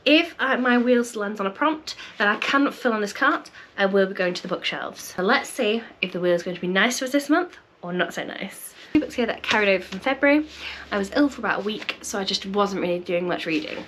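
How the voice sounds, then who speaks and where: A woman's voice: mid-range voice, animated, brisk, a bit bright, slight background noise. A woman chatting casually to camera as a book vlogger, her voice a little nasal and congested from a cold, friendly and thinking aloud. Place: home room with bookshelves.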